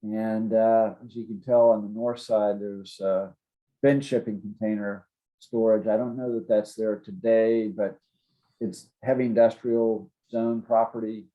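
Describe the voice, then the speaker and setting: A man's voice: lowish voice, level tone, measured pace, narrow, tinny audio. A man giving an informal, explanatory presentation as city zoning staff, plain-spoken and a little hesitant.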